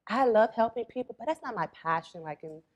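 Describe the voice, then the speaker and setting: A young adult woman from Florida, a spa owner, chatting as an interview guest in a relaxed, storytelling way. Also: a little high, a little fast. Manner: relaxed storytelling, quotes her mother. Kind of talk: casual interview talk.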